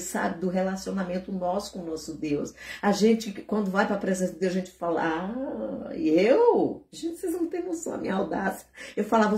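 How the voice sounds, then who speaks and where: Echoey, mellow-voiced woman preaching. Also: medium pitch. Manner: conversational, animated preaching with acted prayers. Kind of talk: sermon.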